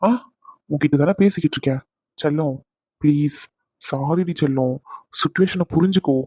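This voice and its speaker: A man's voice: fairly high pitch, moderate pace, warm tone, no room sound, close to an everyday voice. A man voicing an irritated young husband in a cartoon, exasperated and pleading by turns, on a dull lo-fi recording. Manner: exasperated, pleading then snapping.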